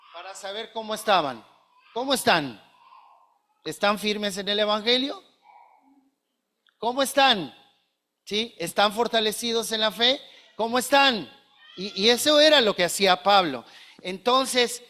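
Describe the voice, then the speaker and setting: A man's voice: very high-pitched, pushed and bright. A man preaching a sermon, earnest and questioning, often addressing listeners as brothers. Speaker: pastor.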